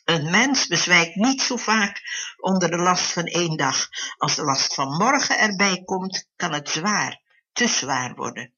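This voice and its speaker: A preacher giving an earnest devotional talk, slowing down to stress key phrases. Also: medium pitch, animated, sharp tone, husky. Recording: dull lo-fi recording.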